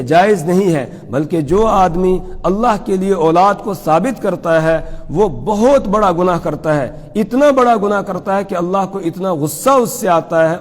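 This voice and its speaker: Male scripture teacher, fairly high voice, recites verses slowly, reverberant room. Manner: explains step by step, asks questions then answers them, recites Arabic verses slowly. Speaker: Quran teacher giving tafseer. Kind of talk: religious lecture explaining verses.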